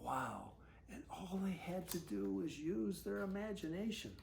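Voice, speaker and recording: A storyteller reads a picture book aloud to children, stopping now and then for folksy, conversational asides between the lines. His voice sits at a medium pitch with big swings, unhurried, gravelly and a little mellow. The sound is roomy, with a slight hiss or hum.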